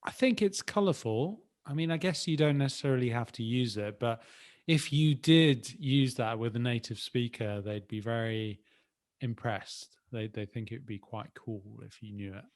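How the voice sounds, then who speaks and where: A man's voice: mid-range voice, normal speed. A man from the Birmingham area co-hosting a casual podcast, answering in a hesitant, thoughtful way. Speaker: podcast co-host. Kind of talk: casual chat.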